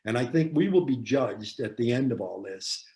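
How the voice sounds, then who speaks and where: A man giving a seminar talk, telling a story in an animated way and repeating phrases for emphasis. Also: medium pitch, normal speed. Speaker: seminar presenter on parenting. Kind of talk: storytelling lecture. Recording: roomy echo.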